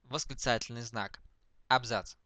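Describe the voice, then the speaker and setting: A man dictating text slowly to speech recognition, speaking each punctuation mark aloud, word by word. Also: medium pitch, steady tone, pushed and bright, dry recording. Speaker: dictation demonstrator.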